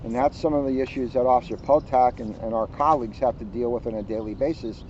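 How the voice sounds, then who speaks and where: Outdoors, a man with a medium-pitched, slightly mellow voice reads to children at a quick pace, mixing storybook narration with casual explanation. He's a police officer, speaking emphatically and repeating key phrases, and traffic noise muffles the recording.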